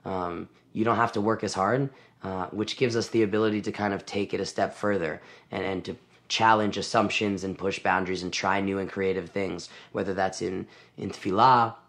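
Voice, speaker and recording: A man's voice: sits low, a bit bright. A man in his twenties, a camp song leader, talking thoughtfully in a casual interview. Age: 20s. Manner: thoughtful, talks in restarts.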